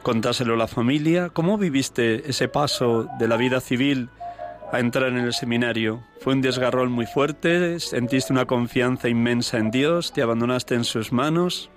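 A man's voice: medium pitch, moderate pace, faint music behind. A man hosting a radio interview, probing his guest with a run of questions. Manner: probing, asks questions in series.

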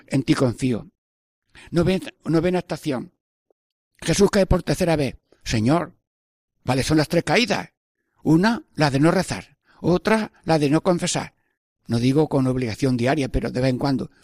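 An older man from preaches the Stations of the Cross, earnest and repetitive, stopping for short prayers. His voice sits a little high for a man. The sound is dry and close, with no room echo. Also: darkish tone. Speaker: priest.

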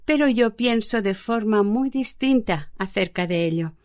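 A woman reading aloud the words of a learned old monk teaching about prayer, in a measured, unhurried way. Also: mid-range voice, expressive, a little mellow, natural voice. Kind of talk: read-aloud spiritual book.

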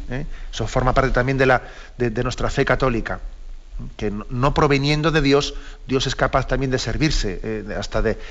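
A man, a priest giving spiritual advice on a radio call-in, speaking in a measured way and often ending phrases with a questioning "no?" or "eh?". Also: mid-range voice, a bit bright. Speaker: priest answering callers. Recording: slightly dull radio broadcast.

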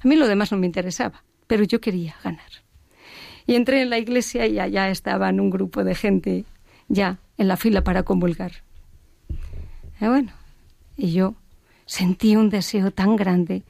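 Woman, earnest faith testimony, gravelly voice. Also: medium pitch, fairly even intonation, normal speed, pauses often, no room sound, studio quality. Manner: earnest, reflective, drops to a hushed whisper at times.

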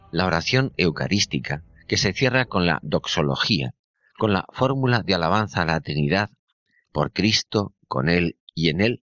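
Deep-voiced man reading a solemn reflection. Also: a bit bright, muffled recording. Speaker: radio co-host. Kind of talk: scripted spiritual reflection.

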